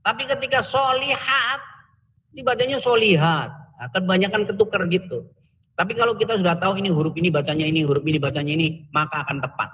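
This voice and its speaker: Male tajwid teacher, higher voice, long echo on a dull line. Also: steady tone, very fast, fairly bright tone. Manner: drills letter sounds, joking asides. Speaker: Quran recitation teacher. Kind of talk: online tajwid lesson.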